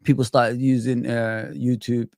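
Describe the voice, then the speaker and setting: A man from Saudi Arabia co-hosting a casual football chat stream, talking in an animated, emphatic way and repeating himself. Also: medium pitch, a little slow, gravelly, dry recording, studio quality. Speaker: co-host.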